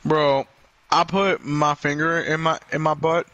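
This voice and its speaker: A man's voice: a little high, level tone, pushed and bright, dry recording, muffled recording, faint music behind. A young man joking goofily and bantering while playing a video game with a friend. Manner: goofy, joking, quick asides. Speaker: gamer. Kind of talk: casual gaming banter.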